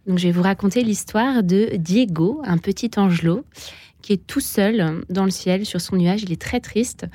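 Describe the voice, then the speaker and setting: Mellow woman telling a children's tale. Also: medium pitch, moderate pace, dry recording. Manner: soft storyteller tone, some fillers. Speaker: kindergarten teacher, author guest. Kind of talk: oral storytelling. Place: radio studio.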